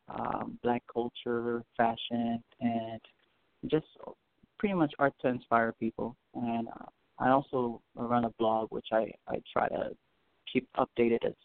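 A man's voice: medium pitch, little pitch movement, a little slow, vocal fry, dry recording. Hesitant man from Haiti on the phone. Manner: hesitant, many ums and repeated words. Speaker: guest artist. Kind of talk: casual interview answers. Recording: tinny phone line.

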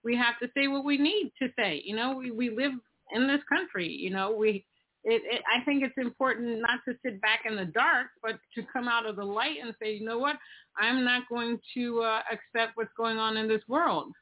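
A woman hosts a casual interview over a thin, phone-like video-call line. Her voice sits slightly high, and she speaks with emphatic, encouraging energy. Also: moderate pace. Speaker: interview host. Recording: tinny phone-like call audio.

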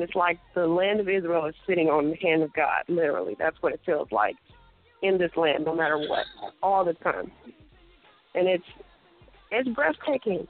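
A young woman, a guest speaking earnestly and devoutly over the phone, often searching for words. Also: lowish voice. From Fort Worth, Texas. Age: young adult. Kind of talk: phone interview. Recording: tinny phone line.

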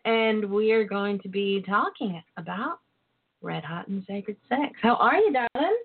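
A woman's voice: mid-range voice, lively intonation, a little slow, breathy edge. A woman presents a casual radio show with a flirty, coquettish delivery. She stretches out key words as she chats to listeners. The sound is thin and narrow, like a telephone line. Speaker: radio talk show host. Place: internet call-in radio show over a phone line.

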